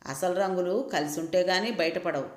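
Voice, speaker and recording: Woman narrator, low voice, even scripted story reading, roomy echoey sound. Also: normal speed. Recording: roomy echo.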